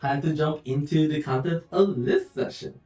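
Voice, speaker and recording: A young man running a tabletop game, casually recapping and setting the scene in a loose, rambling way with frequent pauses and self-corrections. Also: on the high side, huge pitch swings, warm tone. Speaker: game master. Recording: roomy echo, distant mic, faint music behind.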